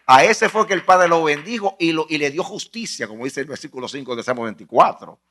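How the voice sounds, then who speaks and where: A male pastor preaching a sermon, emphatic, repeating phrases and swinging from hushed to loud. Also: on the high side, lively intonation, fairly quick.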